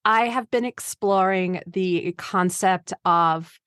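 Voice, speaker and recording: A woman's voice: fairly low pitch, slow, a bit bright, clear, resonant tone, dry recording, clean studio sound. A woman hosting a podcast interview, chatty and enthusiastic as she asks her guest questions. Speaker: podcast host.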